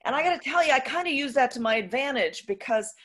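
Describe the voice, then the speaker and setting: A woman's voice: high-pitched, expressive, quick pace, a bit bright. A woman surgeon guest telling her story emphatically, often adding "right?" tags. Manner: emphatic, frequent tag questions. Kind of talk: storytelling in an interview.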